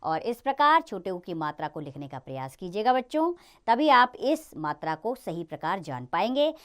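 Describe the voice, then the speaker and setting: A woman teaching a Hindi lesson for children, speaking slowly, clearly and encouragingly. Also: lowish voice, very animated.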